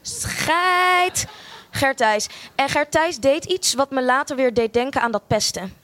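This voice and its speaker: A woman's voice: sits high, moderate pace. Frank young woman telling her story. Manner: frank, sardonic, swears freely; self-mocking humor. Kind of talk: personal storytelling monologue.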